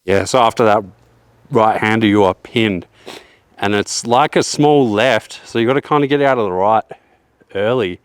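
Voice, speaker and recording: A man's voice: lowish voice, moderate pace, clean tone, no room sound. A young man walking a downhill bike track outdoors, giving slangy, joking commentary while a bit out of breath. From Australia. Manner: laid-back, slangy, joking. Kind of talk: casual track walk commentary. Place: outdoors on a forest hillside.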